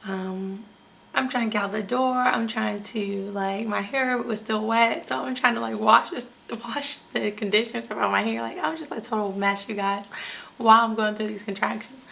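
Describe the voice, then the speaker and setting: A woman's voice: medium pitch, gravelly, a bit bright, slight background noise, low-quality recording. A young woman vlogger telling a personal story to her viewers in a candid, chatty way, with lots of fillers. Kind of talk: casual storytelling to camera.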